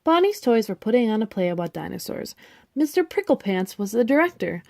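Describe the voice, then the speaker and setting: A woman reading a storybook aloud to her children, animated and expressive. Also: a little high, fairly quick, creaky. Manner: animated, expressive, asides to listeners.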